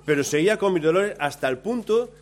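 A man telling a lively, self-mocking story about himself, acting out his own lines along the way. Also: sits high, brisk, slight background noise. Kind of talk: anecdote told to listeners.

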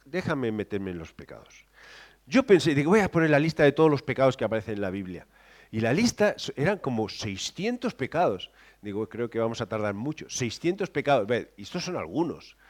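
A man preaching a sermon, moving between quiet scripture reading and loud, emphatic exclamations. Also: medium pitch, big pitch swings, a little fast.

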